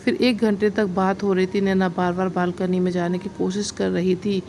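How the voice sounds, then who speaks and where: A woman reads a story aloud in a plain, steady way, with small slips. Her voice is mellow and darkish, with a faint hiss of noise behind it. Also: medium pitch, moderate pace. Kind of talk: read-aloud story narration.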